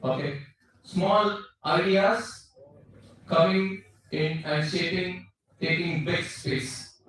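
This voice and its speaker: A man's voice: sits high, steady tone, drawn-out words, fairly bright tone, a little hiss or hum. A man with a South Indian accent giving an instructive slide lecture, often checking that listeners follow. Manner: instructive, checks understanding with short tags. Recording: very echoey room, distant microphone.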